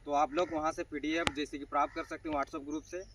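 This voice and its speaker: A man coaching a physical training drill outdoors, calling out counts in a loud, carrying voice. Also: a little high, little pitch movement, quick pace, recorded from a distance, background noise.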